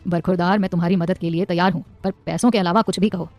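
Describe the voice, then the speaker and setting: A woman's voice: fairly low pitch, steady tone, a little mellow, no echo, faint music behind, lightly acted. Woman playing a wry old moneylender. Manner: measured, wry. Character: older male moneylender, shrewd and wry.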